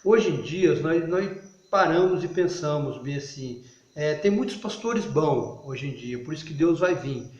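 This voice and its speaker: A man giving an informal video sermon, halting and restarting often, then rising into loud, emphatic bursts. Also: fairly high pitch, animated. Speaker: lay preacher. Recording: echoey, muffled recording.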